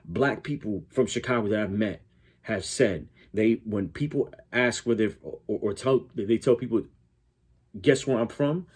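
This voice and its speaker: A Connecticut YouTube reaction host from the United States speaks unhurriedly in a lowish, slightly mellow voice with a breathy edge. His southwestern Connecticut accent is near New York's, and he offers relaxed, opinionated commentary, rambling and stammering while he corrects himself.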